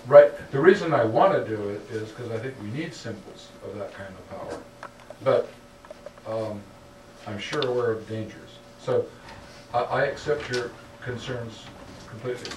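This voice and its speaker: A man's voice: fairly low pitch, moderate pace, darkish tone. A man speaking earnestly as a lecturer answering audience questions, often checking in with "okay?". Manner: earnest, repeatedly asks "okay?". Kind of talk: public talk Q&A. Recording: roomy hall sound picked up from a distance, faint noise.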